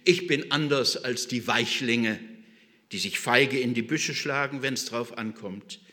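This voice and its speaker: A man's voice: mid-range voice, unhurried, bright, forceful tone. Preacher doing a proud teen boy, defiant, boastful, echoing hall. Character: loyal, proud fourteen-year-old boy.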